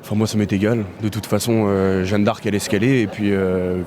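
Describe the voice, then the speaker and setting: A man's voice: on the low side, flat delivery, a little fast, a crowd in the background. A man giving easygoing, unbothered answers in a street interview. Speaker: festival-goer.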